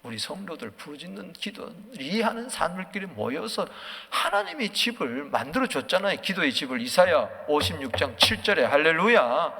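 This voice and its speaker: A man preaching at a dawn prayer service, swinging from quiet musing to loud, fervent calls. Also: fairly high pitch, big pitch swings, normal speed, hardly any pauses, breathy edge. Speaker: pastor. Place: church sanctuary. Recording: long church hall reverb.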